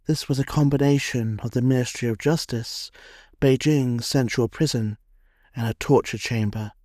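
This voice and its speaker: A man narrating a history documentary from a script, in a measured, dramatic storytelling cadence. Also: medium pitch, a little mellow, no echo, studio quality.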